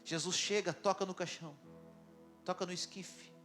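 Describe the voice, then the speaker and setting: A man's voice: sits high, steady tone, moderate pace, fairly bright tone, soft background music. A man preaching a sermon in a church, speaking dramatically and asking questions of the congregation. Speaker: pastor.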